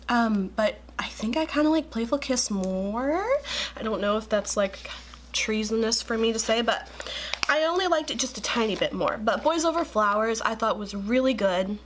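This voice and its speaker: A woman in her twenties, just woken up with a raspy morning voice, chatting casually and rambling with many fillers in a planning vlog. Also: fairly high pitch, a little hiss or hum. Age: 20s. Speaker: planner vlogger.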